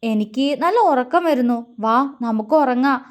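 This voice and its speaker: A woman voicing a gentle young husband who speaks in a soft, sad, wistful way. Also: sits high, moderate pace, lightly acted.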